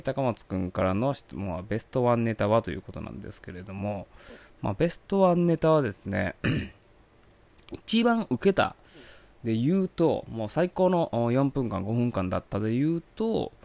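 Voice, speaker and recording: A man's voice: fairly low pitch, vocal fry, darkish tone. A man, a comedian, talking through his career in a polite, chatty podcast monologue.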